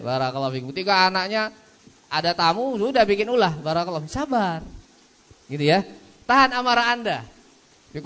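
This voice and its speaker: A man's voice: sits high, a bit bright, clean tone. A man teaching manners in a mosque study lecture, often repeating a blessing phrase and acting out little scenes. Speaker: ustadz teaching a book on manners. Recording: long hall reverb.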